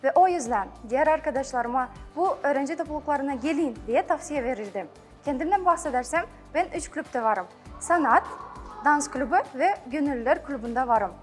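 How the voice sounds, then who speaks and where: A woman's voice: high voice, expressive, brisk, soft background music. A young woman student giving a prepared presentation as a non-native speaker of Turkish. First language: not Turkish. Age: young adult. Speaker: university student.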